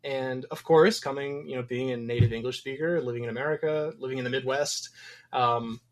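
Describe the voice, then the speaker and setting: Speaking with a steady tone at a brisk clip, a man from Wisconsin guests on a casual podcast interview about his work as a game developer. His voice sits in the mid range, and his thoughtful, rambling answers are full of ums.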